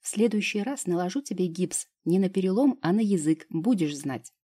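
A woman's voice: lowish voice, animated, moderate pace, dark tone, breathy edge. A woman reading the lines of a teasing, easygoing older brother who is a doctor, in an audiobook. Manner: joking, mocking, easygoing.

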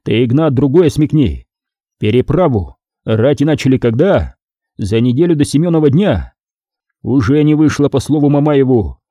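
A man's voice: medium pitch, lively intonation, moderate pace, dark tone, no echo, lightly acted. A man doing a brash joking medieval captain. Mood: bantering.

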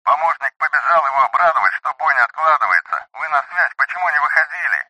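A man's voice: fairly high pitch, animated, pushed and bright, no echo, voice pushed up, heavily acted, poor audio. A man voicing a cheerful, talkative male radio operator whose voice comes through a radio channel. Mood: chattering. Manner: talkative, rattles on quickly. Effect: voice over a radio channel. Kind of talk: audiobook narration.

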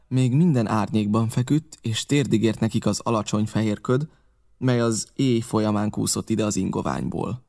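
Male audiobook narrator, steady and measured. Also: on the low side, creaky. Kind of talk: scripted novel narration.

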